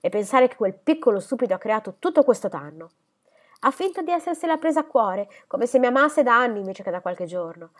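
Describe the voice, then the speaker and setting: Woman voicing a coquettish young lady, teasing and airy, lively swooping pitch, audiobook reading. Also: brisk.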